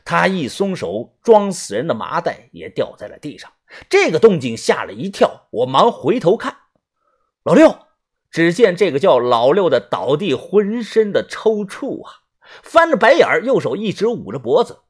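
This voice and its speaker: A man narrates a suspenseful first-person audiobook in a tense, dramatic style, his husky voice swinging widely in pitch at a normal speed.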